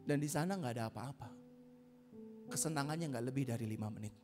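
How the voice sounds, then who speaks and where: A man, a pastor preaching a chatty, joking sermon that mixes in English phrases and swells into loud exhortation. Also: fast. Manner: rises to loud, high exhortation. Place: church auditorium. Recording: hall reverb with music behind.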